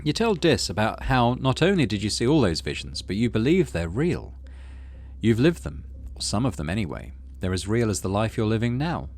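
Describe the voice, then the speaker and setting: A gaming channel host with a slightly low, animated voice narrates a game at a moderate pace. He reads the narration aloud like an expressive storyteller, dropping in casual asides and commentary.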